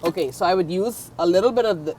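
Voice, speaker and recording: A woman's voice: on the low side, fast, warm tone, a little hiss or hum. A Bahamian woman guest on a talk show, chatting casually as she explains a recipe step by step. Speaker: guest cook. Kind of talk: casual chat.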